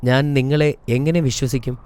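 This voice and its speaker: A man's voice: mid-range voice, steady tone, moderate pace, darkish tone, clear, resonant tone, lightly acted. A man voicing an aged, grieving prophet father in a children's storybook, speaking with sorrow. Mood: sorrowful. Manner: sorrowful, reluctant.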